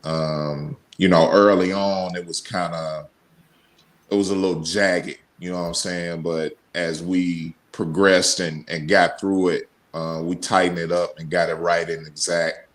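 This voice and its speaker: A man's voice: sits low, little pitch movement, unhurried. A man talking casually as a podcast guest, informal and conversational, repeating phrases for emphasis. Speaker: podcast guest, radio show co-host. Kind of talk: casual interview talk.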